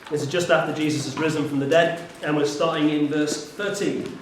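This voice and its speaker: Man, animated storytelling talk, far from the mic, roomy hall echo, faint background hum. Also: on the high side, brisk. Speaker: youth worker speaker. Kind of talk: talk with Bible reading.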